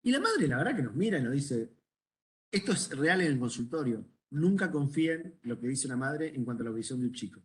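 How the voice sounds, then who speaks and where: This middle-aged Rioplatense Spanish-accented ENT doctor uses a medium-pitched voice with big pitch swings and a brisk pace. Lecturing medical students conversationally, he questions the class and tells tales from his practice.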